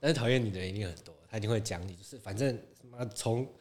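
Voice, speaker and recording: A man with a Taiwanese Mandarin accent appears as a guest on a casual podcast, where he's a fitness competitor speaking rapid-fire in a lowish voice. He's animated and frank, laughs often, and mimics his critics.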